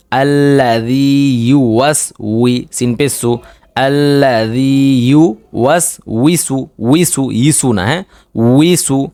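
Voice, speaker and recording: A man teaching Quran recitation, spelling each word out syllable by syllable and stretching the long vowels. His voice sounds smooth and clear at a middle pitch. The recording is dry and close, with no room echo. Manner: slow letter-by-letter spelling, drawn-out vowels.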